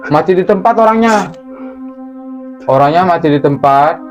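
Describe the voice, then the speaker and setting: This guest storyteller, a man whose voice is on the high side, speaks at normal speed as he shares a true horror tale in casual conversation. He animatedly acts out screams and crashing sounds, and the muffled recording has music beneath it.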